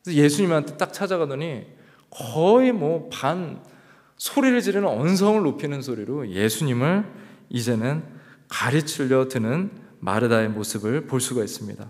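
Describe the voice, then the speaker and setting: A male pastor preaching a sermon in an expressive, emphatic style, heard in a church sanctuary. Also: fairly high pitch, normal speed, in a large hall.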